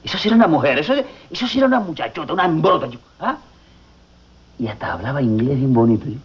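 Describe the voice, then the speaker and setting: A man's voice: fairly high pitch, very animated, fast talker, a little hiss or hum. An actor playing a lovesick, self-pitying comic man with a Venezuelan accent, rambling melodramatically. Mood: lovelorn. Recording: dull TV audio with music.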